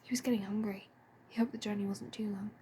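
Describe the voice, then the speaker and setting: A woman reading a story aloud in a soft, breathy and hushed way. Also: medium pitch, steady tone, fast talker, slight background noise. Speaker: fan audiobook reader. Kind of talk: storybook narration.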